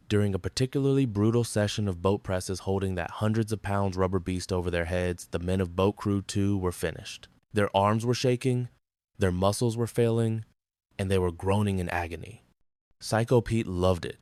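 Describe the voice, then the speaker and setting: A man's voice: on the low side, a little mellow, no echo. A man giving dramatic scripted narration in intense, punchy short phrases.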